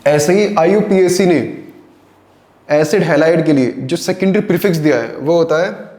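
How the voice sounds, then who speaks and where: In a reverberant room, a man with a fairly high, dark-toned voice teaches chemistry at a moderate pace. He poses questions and answers them himself, repeats key terms, and mixes English terms into his Hindi.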